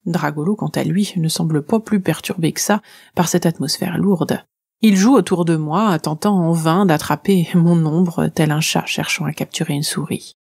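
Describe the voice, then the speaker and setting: A woman author narrating her own children's adventure book in a lively, playful first-person voice. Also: sits low, moderate pace, vocal fry, breathy edge.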